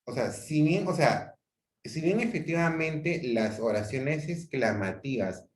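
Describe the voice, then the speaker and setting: A man's voice: fairly high pitch, animated, unhurried, roomy sound. Man teaching a grammar class online. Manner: explanatory, repeats himself and self-corrects often. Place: home room on a video call. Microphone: video call mic.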